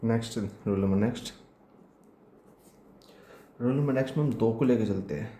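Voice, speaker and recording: A man teaching an English grammar lesson for exam preparation, dictating example sentences slowly and repeating them word by word. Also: medium pitch, warm tone, echoey room.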